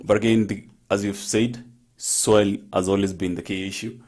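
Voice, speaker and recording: A man hosting a farming talk show, introducing guests and plugging social media smoothly. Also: fairly low pitch, little pitch movement, moderate pace, darkish tone, a little hiss or hum. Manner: smooth, promotional, many affirming interjections. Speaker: host.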